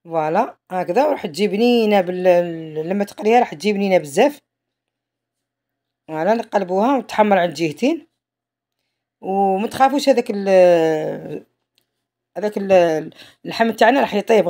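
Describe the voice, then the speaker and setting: A woman's voice: mid-range voice, lively intonation, a little fast, long pauses, dark tone. A woman with an Algerian Arabic accent, narrating a home cooking tutorial in a chatty way, often trailing off mid-phrase. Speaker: home cook.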